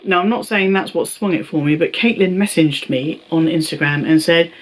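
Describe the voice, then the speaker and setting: A woman's voice: on the low side, normal speed. A young woman chatting in a bubbly, self-mocking way in an unboxing vlog. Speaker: beauty vlogger.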